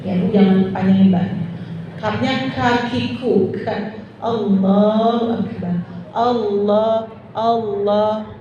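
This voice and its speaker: A woman religious teacher, giving a lesson to women, asking questions and drawing out recited phrases slowly. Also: medium pitch, mellow, a little hiss or hum. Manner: drawn-out demonstrative recitation, asks the audience questions. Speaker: Islamic teacher. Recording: distant echoey hall, dull lo-fi sound.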